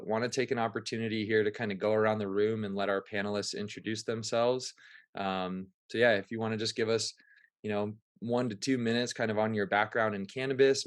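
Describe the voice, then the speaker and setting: A man hosting a webinar panel, relaxed and easygoing, with lots of ums. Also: on the low side, clear, resonant tone. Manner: relaxed, easygoing, filler-heavy. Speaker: webinar host. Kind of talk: casual hosting. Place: remote webinar call. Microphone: video call.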